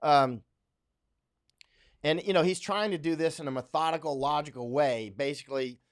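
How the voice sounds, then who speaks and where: This man, originally from Central Florida, USA, streams casually from his home in Thailand in a fairly high voice at a moderate pace. He reads viewers' comments out loud and responds in a wandering way, with lots of fillers and restarts.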